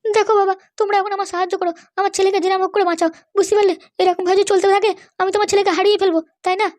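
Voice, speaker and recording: In amateur cartoon dialogue, a woman plays an anxious older parent, pleading in an extremely high, squeaky voice. Her words race out insistently on a flat, unchanging note, plaintive and constantly pushing for agreement.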